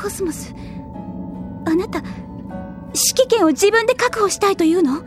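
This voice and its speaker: A woman playing an earnest, caring young heroine in a Japanese sci-fi game, with an expressive, gentle delivery. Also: extremely high pitch, a little slow, over music. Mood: surprised, trusting.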